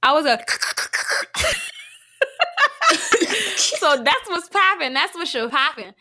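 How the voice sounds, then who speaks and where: A young woman co-hosting a podcast in casual chat, animated and slangy, laughing often. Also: high voice, normal speed. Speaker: podcast co-host. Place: home, Minneapolis.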